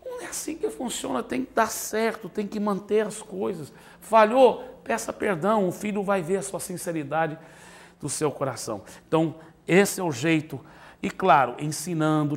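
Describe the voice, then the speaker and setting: A Brazilian pastor teaching parents from the pulpit, his voice sitting high and leaping around in pitch. He acts out little scenes between a father and his child, then drops to a hushed, intimate tone before climbing back to loud emphasis. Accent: Brazilian Portuguese. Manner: acts out parent and child dialogue, swings from loud emphasis to soft quiet asides. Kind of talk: sermon-style teaching.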